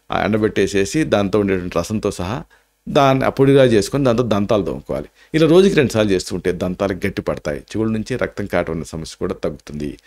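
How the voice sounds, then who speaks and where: Low-voiced Telugu man explaining remedies. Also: darkish tone. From India. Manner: explanatory, slips in English terms, many restarts and "aa" fillers. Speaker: Ayurvedic doctor. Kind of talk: health advice talk to camera.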